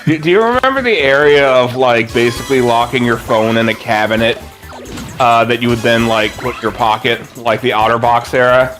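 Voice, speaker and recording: Dude rambling a swear-heavy story to his friends, game music loud behind him. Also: mid-range voice, brisk. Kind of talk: casual anecdote telling.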